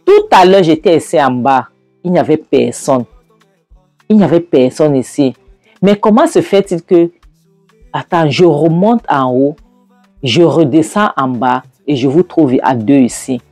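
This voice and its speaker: A storyteller voicing a frantic young man who shouts for his mother, high-pitched and loud. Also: animated, measured pace, no room sound, faint music behind. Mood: angry demanding.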